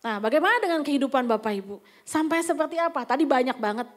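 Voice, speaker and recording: A woman's voice: high voice, lively intonation, fast talker. A woman pastor, giving a chatty, anecdotal sermon at a church service with occasional whispered asides. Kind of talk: conversational sermon.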